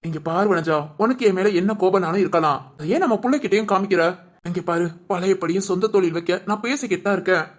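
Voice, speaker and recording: A woman playing a patient young husband who gently soothes his child and pleads with his wife in a short drama. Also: on the low side, quick pace, natural voice. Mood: pleading.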